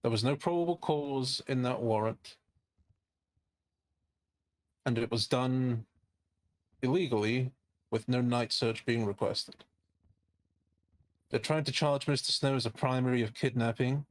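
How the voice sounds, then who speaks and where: A man's voice: mid-range voice, unhurried, long pauses, dry recording, lightly acted. A man playing a skeptical, indignant defense lawyer in a role-play game, giving a courtroom closing argument with pointed, sardonic rhetorical questions. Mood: firm, formal.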